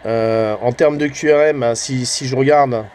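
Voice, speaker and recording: An unhurried man with a medium-pitched, darkish voice and fairly even intonation talks over slight background noise. The amateur CB radio channel host rambles casually in his vlog, hesitant and often trailing off with little tag words.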